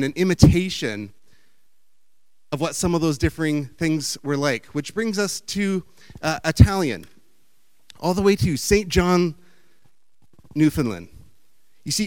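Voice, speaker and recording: A man's voice: on the high side, dry recording. A man giving a chatty, meandering storytelling talk with slides.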